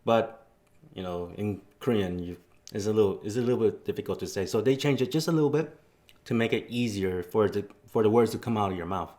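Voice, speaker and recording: A man gives a casual language lesson in a fairly low voice. He walks through each step plainly and easygoing, with relaxed fillers between points. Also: a little fast. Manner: explains step by step, loose fillers. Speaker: language teacher.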